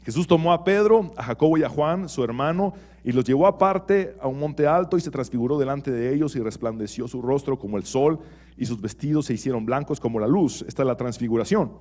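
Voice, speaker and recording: Animated male pastor preaching a sermon. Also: medium pitch, brisk. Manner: animated preaching, shifting between loud and soft, rhetorical questions. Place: church.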